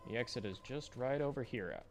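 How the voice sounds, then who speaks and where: A man chats casually while playing on stream, relaxed and rambling with plenty of fillers. His voice sits at a middling pitch. Game music plays clearly behind him. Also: fairly quick. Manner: relaxed, chatty, frequent "uh" fillers. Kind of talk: casual chat while gaming.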